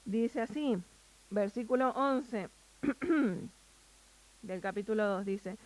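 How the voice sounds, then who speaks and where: High-voiced Argentine woman teaching the Bible. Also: drawn-out words. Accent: Rioplatense Spanish. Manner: explains word by word, asks the listeners questions. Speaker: women's meeting speaker.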